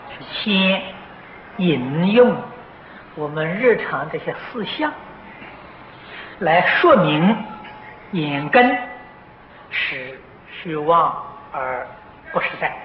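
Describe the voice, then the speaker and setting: An older man giving a slow, patient lecture on a Buddhist sutra, filling pauses with drawn-out "ah" sounds and clearing his throat now and then. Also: on the high side, big pitch swings. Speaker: Buddhist teacher. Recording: dull, roomy, noisy old tape of a lecture hall.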